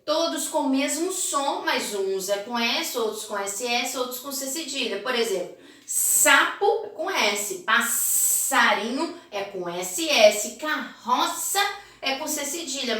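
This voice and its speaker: A woman teacher with a Brazilian Portuguese accent explaining a phonics exercise, stretching words out slowly. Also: sits high, fairly bright tone. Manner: slow, stretched-out word pronunciation. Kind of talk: video lesson correcting phonics homework. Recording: echoey room, voice a bit far from mic.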